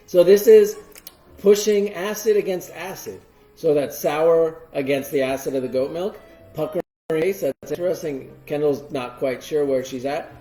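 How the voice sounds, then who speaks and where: A man co-hosts a live cheese tasting, explaining flavors in a relaxed, hesitant way. His voice is dark and mellow, and it rings in an echoey room. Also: on the high side, normal speed, faint music behind. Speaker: cheese shop host. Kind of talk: live-streamed tasting lesson.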